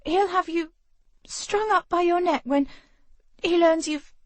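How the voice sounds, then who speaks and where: Reader performing a high, out-of-breath heroine, defiant, rasping, close and dry. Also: female voice, measured pace, no room sound. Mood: breathless. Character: breathless young woman pinned down, defiant. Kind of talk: audiobook dialogue.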